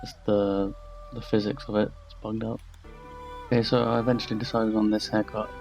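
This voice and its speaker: A man's voice: fairly low pitch, little pitch movement, brisk, a little mellow, soft background music. A young man casually commenting over his gameplay as a channel host, rambling and blunt with frequent swearing. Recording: slightly dull lo-fi voice-over.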